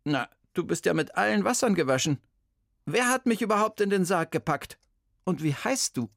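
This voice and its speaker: A man voicing a brisk, no-nonsense retired old woman detective in a storybook reading. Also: high-pitched, lively intonation, gravelly, dry recording, clean studio sound, voice pushed up. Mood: wry. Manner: sharp, no-nonsense.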